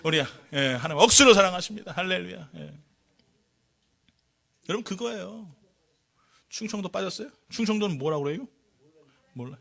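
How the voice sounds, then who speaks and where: A male pastor preaching a sermon to his congregation, swinging between loud exhortation and quiet, drawn-out lines. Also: high-pitched, lively intonation, vocal fry. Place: church sanctuary.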